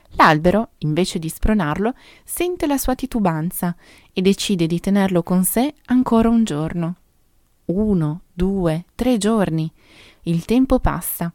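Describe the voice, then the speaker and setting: A woman narrating a children's story in an even, unhurried way. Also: fairly low pitch, no echo, studio quality.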